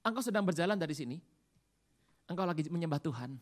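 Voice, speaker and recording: A pastor preaching an animated sermon with jokes and rhetorical questions, jumping between loud outbursts and hushed asides. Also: medium pitch, fast talker.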